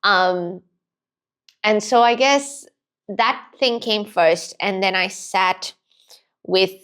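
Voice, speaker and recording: Laughing, lively woman from Pakistan. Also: medium pitch, slow, smooth. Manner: lively storyteller, laughs often. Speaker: podcast guest. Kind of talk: casual interview chat.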